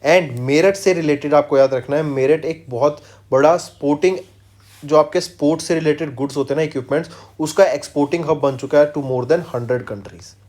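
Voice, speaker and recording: A man teaching an exam-prep current affairs lesson, switching between Hindi and English, quizzing students with quick questions and answering them himself. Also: fairly high pitch, a little mellow. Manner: drills facts with quick quiz questions and repeats, mixing English phrases into Hindi; slows right down to read English lines word by word.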